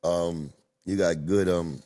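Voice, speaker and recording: A man's voice: low-pitched, fairly even intonation, slow, warm tone. A man from Cuba hosting a podcast, telling stories in casual street slang with emphatic delivery. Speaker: podcast host. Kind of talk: casual chat.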